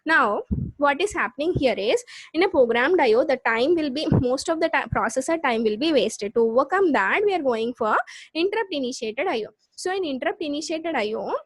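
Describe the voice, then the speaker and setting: South indian lady teaching online, pretty high voice, close dry sound, keeps repeating and restarting her sentences. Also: animated, dry recording. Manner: repetitive explaining, halting and restarting. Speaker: computer science lecturer. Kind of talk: live online lesson with check questions.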